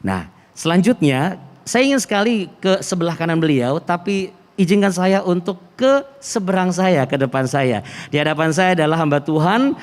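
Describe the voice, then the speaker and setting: A man's voice: sits high, moderate pace. Man hosting through a face mask, reverberant hall. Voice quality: slightly muffled by a face mask. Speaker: talk show host. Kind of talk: conversational hosting of a theology talk.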